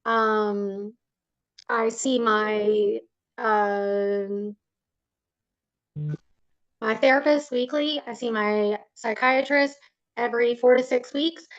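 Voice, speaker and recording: A woman giving polite sworn testimony as a witness, halting, with long pauses. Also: fairly high pitch, fairly even intonation, smooth, no echo. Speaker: witness, parent in child support case. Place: court hearing over video call. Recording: slightly dull video call audio.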